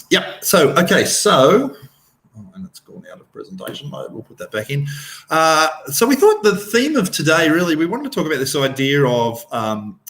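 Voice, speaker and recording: An Australian-accented man in his fifties presents an online workshop informally. His voice sits at a medium pitch, heard over a video call from indoors. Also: a bit bright, low-quality recording. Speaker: webinar presenter.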